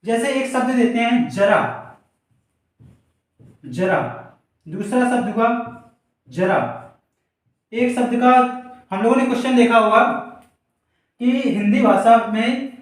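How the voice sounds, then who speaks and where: A male Hindi teacher giving a board lesson for exam students, asking rhetorical questions and repeating example words slowly. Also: very high voice, fairly even intonation. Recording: very echoey room, mic far off.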